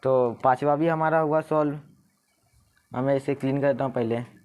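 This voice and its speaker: A young man teaching an exam paper, explaining each answer step by step and reading the sentences slowly. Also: mid-range voice, fairly even intonation, darkish tone. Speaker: English tutor. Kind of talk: exam paper walkthrough lesson.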